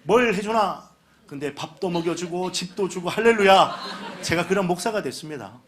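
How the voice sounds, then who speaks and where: A fairly high-pitched man preaches with animated energy. He drops to quiet asides and then rises to loud exclamations, acting out the people he quotes. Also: normal speed. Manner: animated preaching, dramatic shifts in volume, acts out quoted voices. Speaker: pastor. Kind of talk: sermon.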